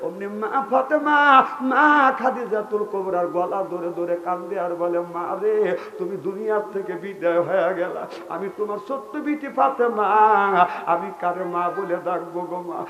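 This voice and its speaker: A man preaching a sermon at a religious gathering, telling a story in a chanting way that swells into shouts. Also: high-pitched, moderate pace, dull audio. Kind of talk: Islamic waz sermon storytelling. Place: open-air religious gathering. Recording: echoey PA sound with faint music.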